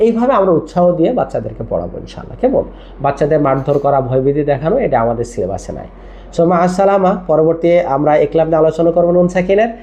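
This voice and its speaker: A patient tajweed teacher, spelling each word letter by letter before drilling it slowly. The voice sits in a middle pitch. The recording sounds dull and lo-fi. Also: big pitch swings, dark tone. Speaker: Quran reading teacher. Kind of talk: tajweed lesson for teachers of children.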